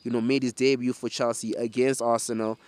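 A man's voice: medium pitch, flat delivery, brisk, a little mellow. Male football fan host, casual and opinionated, urban slang and swearing, level intonation. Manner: slangy urban talk, peppered with bro, fam and mandem.

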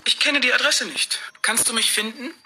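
A woman's voice: a little high, normal speed, crowd noise, lightly acted. A woman voicing a frightened little girl on an emergency call, timid and stammering. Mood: scared.

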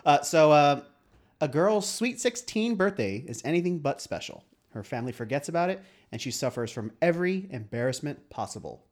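A man co-hosting a casual movie discussion, talking in a halting way with plenty of "like". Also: fairly high pitch, very animated. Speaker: podcast co-host.

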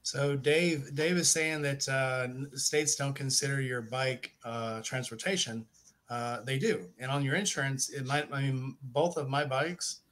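A middle-aged man leads a relaxed podcast conversation in an ordinary mid-range voice. He meanders through his points, restarts sentences and corrects himself on the fly. He throws in easy jokes as he goes. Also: medium pitch. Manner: rambling, self-correcting, joking. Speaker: podcast host. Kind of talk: casual chat.

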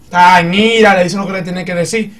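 A man's voice: high-pitched, a little fast, distant mic. A man, chatting in a group discussion and arguing his point through examples. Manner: animated, argues by giving examples.

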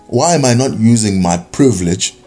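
A man's voice: lowish voice, expressive, normal speed, mellow, faint music behind. A young man from South Africa with a South African accent, giving a rambling, casual opinion monologue full of fillers and restarts. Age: young adult.

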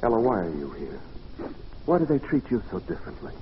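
A man's voice: on the low side, sing-song, a little fast, a little hiss or hum. An actor playing an earnest, lovestruck man who hides in a department store, in intense, theatrical old-time radio style. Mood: gentle concern. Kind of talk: 1940s radio acting, narrated journal and dialogue. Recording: muffled old-time radio recording, music behind.

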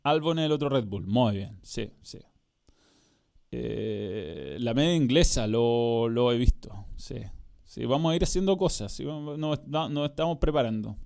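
Chilean man, smooth resonant voice, rambling sports chat, reads comments aloud, easy slangy talk. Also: mid-range voice, animated, measured pace, a little mellow. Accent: Chilean Spanish. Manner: rambling, laughs often, chatty slang. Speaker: live stream sports commentator. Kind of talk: casual live-stream chat reading comments.

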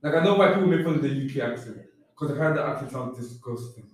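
A man's voice: medium pitch, quick pace. Young British man, easygoing slang banter, recorded far off in an echoey room. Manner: relaxed, slangy, says bro. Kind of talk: casual chat.

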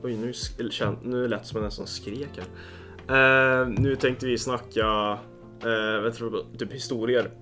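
A young man tells stories on a casual podcast, with lots of fillers and swearing. His voice is bright and forceful. Faint music plays behind him. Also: medium pitch. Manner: excitable storyteller, swears a lot, lots of fillers. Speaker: podcast co-host. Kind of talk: casual podcast chat, storytelling.

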